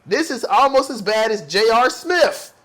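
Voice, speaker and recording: Animated high-voiced man talking sports. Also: measured pace. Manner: animated, slangy, emphatic. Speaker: podcast co-host. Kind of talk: casual sports banter.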